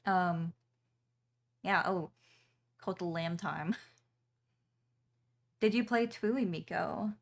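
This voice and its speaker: Slow, low-voiced woman chatting on stream. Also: gravelly. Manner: relaxed, chatty, reads chat aloud, frequent ums and small laughs. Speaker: streamer and artist. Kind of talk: casual chat while drawing on stream.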